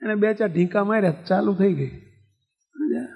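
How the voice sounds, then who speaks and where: A man's voice: sits high, fairly quick, vocal fry, dark tone. A swami gives a religious discourse to a congregation. He keeps asking the listeners questions and leads them in call-and-response chanting. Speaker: swami preacher. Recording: dull lo-fi sound with long hall reverb.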